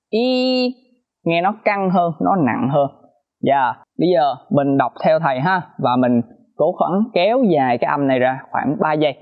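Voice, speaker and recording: A man teaching a pronunciation lesson, repeating sounds slowly and emphatically to demonstrate them. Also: fairly high pitch, highs cut off.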